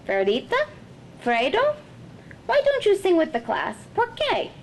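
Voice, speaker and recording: A woman voicing a lively, proud schoolteacher with a sing-song way of talking. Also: a little slow, slight background noise, exaggerated voice. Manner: sing-song, turning low and rough when angry.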